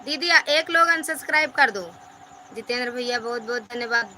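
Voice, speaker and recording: Bright-voiced woman hosting a live stream. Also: a little high, brisk, slight background noise. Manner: affectionate, chatty, thanking viewers by name. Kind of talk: reading viewer comments aloud on a live stream.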